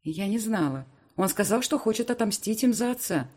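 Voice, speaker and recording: A man reads a rash young woman, the story's heroine. His voice is slightly high. She is impulsive and defensive. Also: animated, moderate pace, a little mellow.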